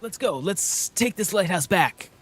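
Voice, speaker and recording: A man's voice: sits high, expressive, unhurried, fairly bright tone, slightly rough, pitched above the performer's own voice, heavily acted. A man voicing an earnest, determined young anime hero rallying a team in dramatic game dialogue.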